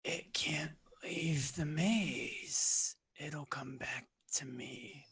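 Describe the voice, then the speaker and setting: An undead keeper of a maze, as a game master puts him on, rasping and wheezing through a creaky, gravelly whisper. He drags every word out painfully slowly, eerie and patient, with a thin, sharp edge to the breathy voice. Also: mid-range voice, exaggerated voice. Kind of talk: voicing a creature in a tabletop game.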